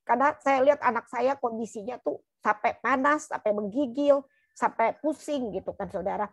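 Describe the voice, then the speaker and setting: Her testimony comes out as an earnest, everyday story told to the congregation, and she keeps turning to them as "brothers and sisters." She speaks at a moderate pace in a voice on the high side, recorded dry.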